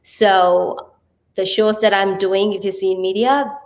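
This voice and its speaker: Her voice is medium in pitch and steady in tone, and she keeps a measured pace. The Sri Lankan-accented speaker, a podcast guest who works as a TV presenter and radio host, earnestly explains things phrase by phrase while introducing herself in a conversational interview.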